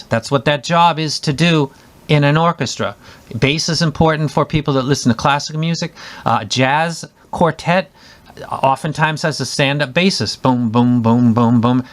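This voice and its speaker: A man's voice: mid-range voice, a bit bright. A man giving a casual spoken headphone review, enthusiastic and rambling, with many restarts and fillers.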